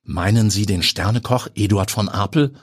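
A man's voice: on the low side, normal speed, breathy edge, voice pushed up. A man voicing a weary chief police inspector who questions in a dry, official, sardonic way. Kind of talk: audiobook character voice.

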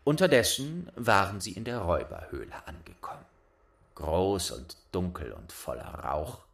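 A man reading a fairy tale aloud as a storyteller, in a very lively, unhurried way. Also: low voice, creaky.

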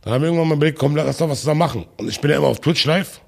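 A man's voice: a little high, rapid-fire, creaky, breathy edge. A man guesting on a podcast, chatting casually and joking boisterously with a lot of laughter.

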